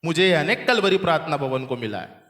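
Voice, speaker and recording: A pastor preaches into a handheld mic, tossing questions to the congregation and getting them to repeat after him. His voice sits high and rings bright. The church around him is echoey. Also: lively intonation, brisk. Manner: call-and-response preaching, quizzing the congregation. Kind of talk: sermon. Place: church hall. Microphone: handheld microphone.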